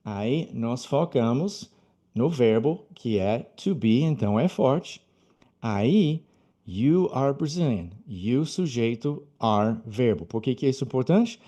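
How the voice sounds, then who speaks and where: A male English teacher giving a patient, explanatory video lesson, slowing down to model each example phrase. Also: mid-range voice, animated, warm tone.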